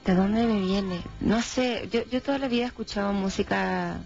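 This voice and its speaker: A young Chilean woman with a Chilean accent, chatting casually and candidly as a singer guest in a radio studio, speaking into a desk mic with fillers and pauses. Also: mid-range voice, vocal fry, soft background music. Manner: relaxed, candid, hesitant with fillers. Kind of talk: casual interview chat. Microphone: desk microphone. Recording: dull lo-fi sound.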